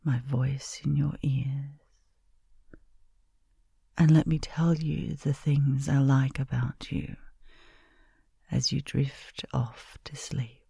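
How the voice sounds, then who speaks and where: Slow whispering woman, close and soothing. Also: extremely low pitch, level tone, creaky, warm tone, husky, no room sound. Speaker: comforting caretaker in a roleplay. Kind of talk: whispered ASMR sleep roleplay.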